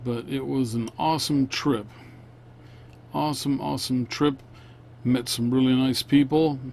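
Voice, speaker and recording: A man narrating a casual vlog, unscripted, in a halting, plain-spoken way. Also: medium pitch, fairly even intonation, gravelly, darkish tone, slight background noise. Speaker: vlogger.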